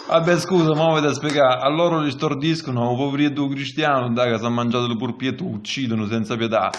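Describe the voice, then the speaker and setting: A man's voice: medium pitch, steady tone, a little fast. A man from Puglia with a Southern Italian Pugliese accent, giving casual, crude, mock-exasperated comic commentary in dialect. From Puglia, southern Italy. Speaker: comic commentator reacting to a TV episode. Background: TV episode dialogue and music.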